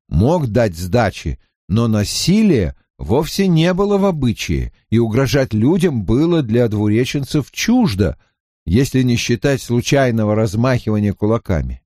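A man narrating a fantasy novel as an audiobook in an expressive storytelling manner. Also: fairly low pitch, moderate pace, dry recording, clean studio sound.

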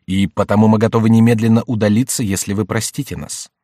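Male reader doing a rash young courtier, bowing and scraping, low and dry. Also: fairly even intonation, fast, mellow, no echo, close to an everyday voice. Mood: deferential. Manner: hot-headed, then deferential. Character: reckless young nobleman swordsman, hot-headed.

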